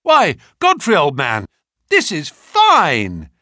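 A man's voice: fairly high pitch, wildly swooping pitch, takes it slowly, pushed and bright, no echo, studio quality, voice pushed up, heavily acted. A man reading aloud, voicing a determined young man who speaks firmly and earnestly. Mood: delighted. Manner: firm and earnest.

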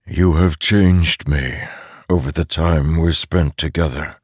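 A man voicing an ancient male storm spirit with a rumbling voice, speaking slowly and solemnly in an audiobook. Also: fairly even intonation, husky, no echo, studio quality, heavily acted. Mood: tender. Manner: slow, solemn and heavy.

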